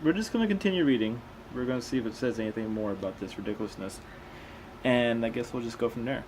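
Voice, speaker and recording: A male host with a mid-range voice speaks quickly against a noisy background, reading passages aloud and commenting casually in between. His manner is skeptical and questioning.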